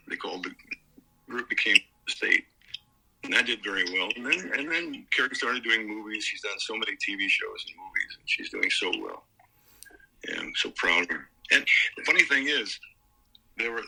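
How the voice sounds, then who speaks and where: Gravelly older man, bright and husky. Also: lowish voice, low-quality recording. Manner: chatty storyteller, slips into character voices. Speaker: voice actor guest. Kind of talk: casual interview.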